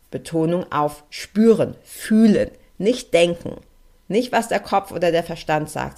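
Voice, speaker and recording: A young adult woman hosting a solo spiritual podcast, talking earnestly and emphatically straight to her listeners as a coach. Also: lowish voice. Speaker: podcast host and card-reading coach.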